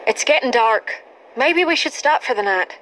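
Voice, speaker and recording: A woman playing a calm, kindly adult survivor in a video game, speaking gently and conversationally. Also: a little high, normal speed, slight background noise, poor audio. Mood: gentle, reassuring. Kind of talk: naturalistic video game acting. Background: background music.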